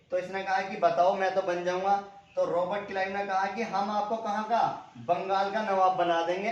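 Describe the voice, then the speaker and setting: A man teaching an exam-prep history lesson, asking questions and answering them himself, and repeating key names. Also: high voice. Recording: echoey room, dull lo-fi sound.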